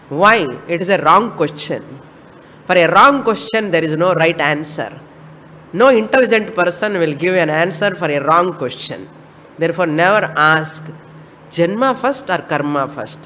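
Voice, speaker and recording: A man's voice: sits high, sharp tone. A man with a South Indian accent and Tamil as his first language, giving a religious discourse as a spiritual teacher, emphatic and repeating his phrases to drive them home. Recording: long hall reverb with background noise.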